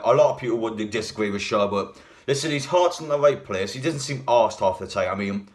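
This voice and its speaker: A man, a bit hungover, giving a casual, blunt and rambling opinionated talk as a football fan video host. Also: fairly low pitch.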